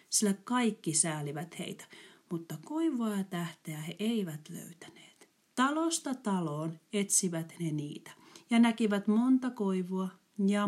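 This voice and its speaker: A woman reading a fairy tale aloud in a soft, breathy voice that often drops to a whisper. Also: lowish voice. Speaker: storyteller.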